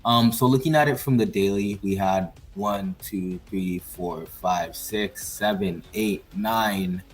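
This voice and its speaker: Deep-voiced guy on a video call, lots of ums and laughs, faint music behind. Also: takes it slowly, rough recording. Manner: rambling, lots of fillers and laughs. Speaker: co-host. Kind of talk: casual crypto chat.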